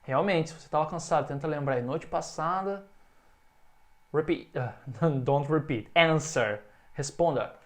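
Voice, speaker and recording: A man's voice: fairly high pitch, a little slow. A man with a Brazilian Portuguese accent, teaching English in a video lesson and stretching out example phrases for the learner to repeat.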